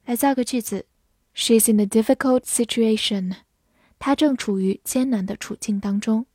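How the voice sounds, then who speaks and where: A woman teaching English vocabulary, spelling words letter by letter and reading example sentences slowly. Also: fairly high pitch, warm tone, no room sound, clean studio sound.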